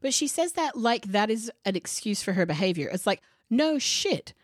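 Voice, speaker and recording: A woman's voice: on the high side, sing-song, normal speed, no echo, studio quality. A woman co-hosting a true crime podcast, narrating case details and bantering in a blunt, sarcastic way. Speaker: podcast co-host.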